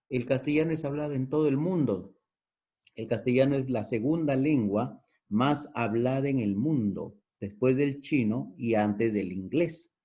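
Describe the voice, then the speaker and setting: Peruvian guy teaching a class, keeps asking if you got it, mellow voice, muffled lo-fi audio. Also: mid-range voice. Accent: Peruvian Spanish. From Peru. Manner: explains step by step, repeats key terms, checks in with the listener. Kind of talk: recorded lesson. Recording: dull lo-fi recording.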